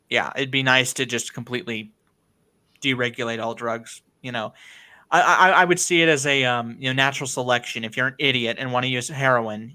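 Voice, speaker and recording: A young man with a bright voice talks on a casual political stream, reading from notes and breaking off into crude, blunt asides. His delivery stumbles and restarts often, and it sounds like a voice call. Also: medium pitch, clean tone. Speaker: stream co-host.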